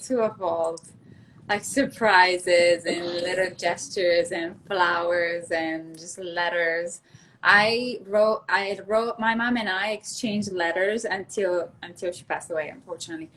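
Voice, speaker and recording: A woman from Sicily, a guest on a video call, chatting casually in an animated, eager way. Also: fairly low pitch, unhurried, slight background noise, rough recording. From Sicily, Italy. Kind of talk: casual chat.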